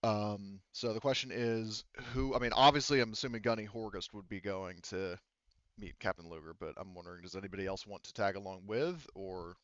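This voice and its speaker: Over an online voice call, a man runs a tabletop roleplaying game, rambling casually and halting as he corrects himself mid-thought. His voice is fairly low yet fairly bright in tone. The audio is muffled, with no room sound.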